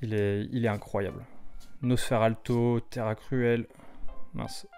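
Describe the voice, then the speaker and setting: A man in his thirties opening trading cards on his channel, chatting casually and exclaiming loudly over his pulls. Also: mid-range voice, flat delivery, takes it slowly, clear, resonant tone, soft background music. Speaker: card-opening YouTuber. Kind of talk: casual vlog commentary.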